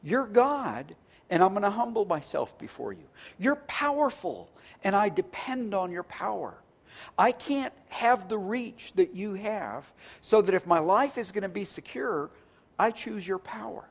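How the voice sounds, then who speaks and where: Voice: medium pitch, big pitch swings, measured pace, gravelly, slightly rough. A pastor preaching a sermon in a conversational, earnest way, often restarting words and stacking phrases into lists.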